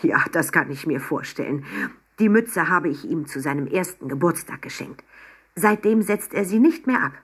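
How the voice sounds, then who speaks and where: A woman voicing a kindly, gentle old male professor in a children's storybook. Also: sits low, expressive, moderate pace, husky.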